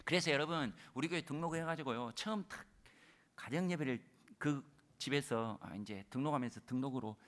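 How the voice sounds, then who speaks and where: A male pastor delivering a sermon, moving between booming proclamation and soft whispers. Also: fairly quick. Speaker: senior pastor.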